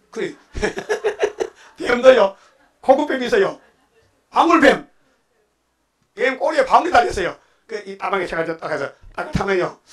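A man preaching with a fairly high voice. He is emphatic and keeps firing rhetorical questions at his listeners. He slips into quoted voices as he tells the scripture stories. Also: fairly bright tone. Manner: acts out quoted voices of God and the devil. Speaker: pastor. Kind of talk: sermon.

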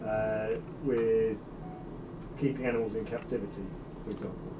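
A hesitant man with a low voice, picked up from far off in an echoey room. The sound is muffled, with a clear air-conditioning hum behind him. He reads viewers' questions on a live stream. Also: fairly even intonation, moderate pace, warm tone. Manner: hesitant, filler-heavy. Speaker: question reader.

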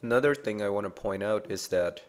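A man's voice: lowish voice, fairly quick. A man teaching a chemistry lesson, explaining slides patiently and often checking in with "okay?".

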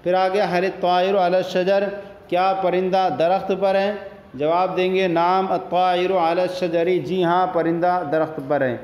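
A man's voice: high-pitched, flat delivery, darkish tone, roomy sound. A man teaching an Arabic grammar lesson, repeating each phrase and translating it step by step. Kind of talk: classroom lesson explaining Arabic in Urdu.

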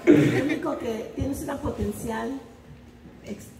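Older woman, Salvadoran Spanish accent, gentle judge, distant, echoey. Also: sits high, measured pace, music in the background. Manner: kind, hesitant praise. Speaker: contest judge. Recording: distant echoey mic, noisy.

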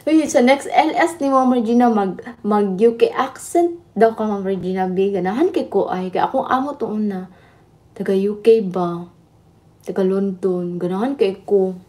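Woman, livestream host, chatty and laughing, mellow tone. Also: medium pitch, normal speed. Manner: chatty, laughing, switching between Tagalog and Visayan. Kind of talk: casual live chat with viewers.

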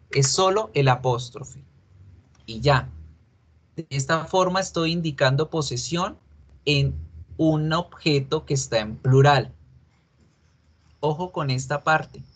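Slow, patient male teacher. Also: on the high side. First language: Spanish. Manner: patient, repeats and asks students questions. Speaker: English teacher. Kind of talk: online class explanation.

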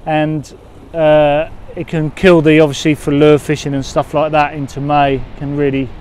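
A man in his forties vlogging as he sea-fishes from a windy harbour wall, rambling with many fillers and excited when he gets a bite. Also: a little high, normal speed. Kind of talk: casual outdoor vlogging. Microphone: action camera at arm's length.

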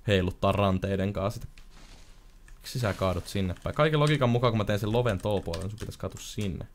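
A man playing a video game with a friend, chatting casually and telling a long story, with sudden loud outbursts, keyboard typing audible. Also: lowish voice, a little hiss or hum. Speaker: gamer co-host. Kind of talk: casual let's-play chat.

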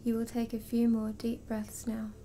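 A woman hypnotist leading a slow, soothing induction, drifting in and out of a whisper. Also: fairly high pitch, monotone, warm tone.

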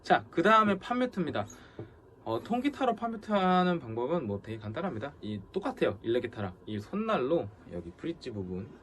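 Male guitar teacher explaining with lively pitch. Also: brisk, a little hiss or hum. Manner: counts beats aloud over loud guitar playing. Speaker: guitar instructor. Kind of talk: guitar lesson with counting. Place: music studio. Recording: loud guitar over the voice.

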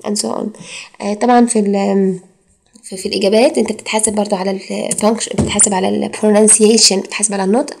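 A woman with a creaky, medium-pitched voice and little pitch movement teaches an IELTS course in Egyptian Arabic, mixing in English exam phrases. The recorded lecture is marked by drawn-out fillers and hesitations.

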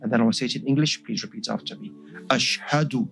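Man leading a recitation, patient and clear. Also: medium pitch, rapid-fire, soft background music, low-quality recording. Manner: clear, patient phrase-by-phrase prompting. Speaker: imam leading a ceremony. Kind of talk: guiding a recitation line by line.

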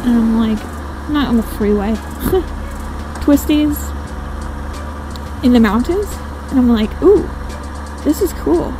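A woman in her twenties, a motovlogger, rambles casually in a giggly, friendly way while riding a motorcycle outdoors. Her slightly high voice has lively intonation, moving slowly with long pauses, and wind and engine noise fill the recording.

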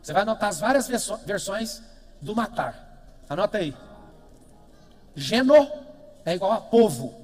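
A Brazilian man with a high voice leads a motivational seminar from a stage in a big, echoing hall. His delivery is emphatic: he drops to quick asides, then shouts lines for the audience to chant back. Soft music sits under his voice. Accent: Brazilian Portuguese. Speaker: motivational speaker. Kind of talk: live motivational seminar with call-and-response. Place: large event hall with a big screen. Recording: long hall reverb, faint music behind.

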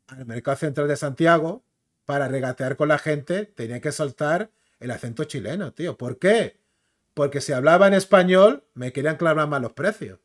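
A slangy, chatty man from the Canary Islands talks through a video clip in a relaxed commentary style. His voice sits a little high for a man, and he keeps dropping filler tags into his sentences. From Canary Islands, Spain. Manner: chatty, slangy, keeps tagging phrases with "tío" and "¿vale?". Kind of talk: casual commentary reacting to a clip.

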